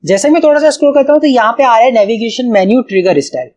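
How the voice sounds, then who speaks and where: A very high-pitched, darkish male voice races along with animated energy, though the recording is muffled. He's a Pakistani man with an Urdu accent, casually working through a coding tutorial on screen, thinking aloud and repeatedly addressing the viewer as "bhai."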